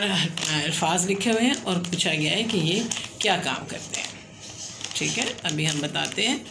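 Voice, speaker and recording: A woman teaching letters and words at a slow, unhurried pace, counting each letter out loud. She pauses to check in as she goes. A faint hiss runs behind her voice. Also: lowish voice. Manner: counts letters aloud, checks in with "theek hai". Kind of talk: slow step-by-step writing lesson.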